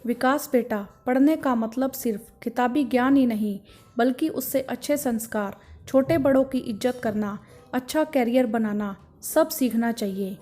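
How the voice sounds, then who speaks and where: Give me a scolding, caring older husband, as a woman reads him, a bit high and mellow. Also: measured pace. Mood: gentle. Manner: scolding, indignant. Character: stern caring middle-aged husband, older brother.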